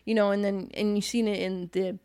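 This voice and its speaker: A woman's voice: mid-range voice, little pitch movement, darkish tone, dry recording, studio quality. A woman co-hosting a casual finance chat, joking around and adding her own stories. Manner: chatty and joking, adds stories and quick agreement. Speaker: co-host.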